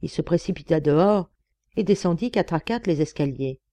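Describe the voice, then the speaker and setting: A woman narrating a classic detective story, steady and measured. Her voice is mellow and dark, and the recording is close and dry. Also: lowish voice, no room sound. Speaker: audiobook reader. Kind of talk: scripted narration.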